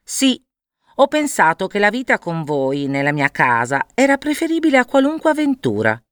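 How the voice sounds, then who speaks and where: A woman voices an eager, cocky young man who mocks and boasts, pitching her natural voice above her own to a medium, sing-song register. She speaks at a moderate pace, and the sound is clean studio quality with no echo.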